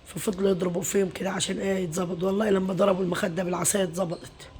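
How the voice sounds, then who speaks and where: Egyptian woman, middle-aged mother, quick talk, weary venting, pious phrases, faint room noise. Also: medium pitch, little pitch movement, a little mellow. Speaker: mother and home vlogger. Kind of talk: casual confiding vlog talk.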